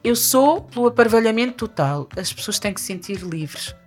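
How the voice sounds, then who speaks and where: A woman's voice: on the high side, expressive, normal speed, soft background music. A woman from Portugal, talking animatedly as a guest in a conversation, often restarting and laughing. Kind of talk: conversational discussion.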